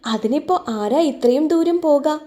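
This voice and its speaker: A woman's voice: sits high, lively intonation, normal speed, warm tone, pitched above the performer's own voice. A woman voicing an older village father in an audio story, speaking in a hesitant, fatherly way.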